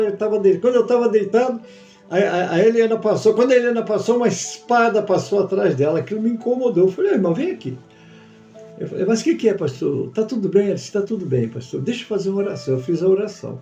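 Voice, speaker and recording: A man preaching as a pastor, telling a testimony and acting out the dialogue in a lively storytelling manner. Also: high-pitched, creaky, dull audio. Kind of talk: sermon testimony. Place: church.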